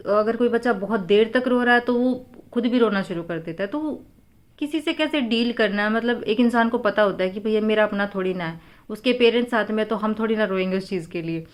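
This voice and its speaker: A mother talks casually, patiently explaining step by step and pausing often with fillers as she answers viewers' questions. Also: fairly high pitch.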